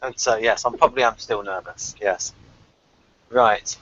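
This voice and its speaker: A man co-hosts a review show over an online call, chatting casually and reading out episode summaries, with dull, lo-fi audio. His voice is lowish, steady and unhurried, a bit bright.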